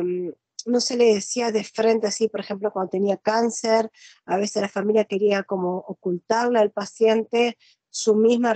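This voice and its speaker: A woman's voice: medium pitch, warm tone, no echo. A middle-aged woman with an Argentine Spanish accent, explaining things in a conversational way. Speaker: nurse working in Belgium.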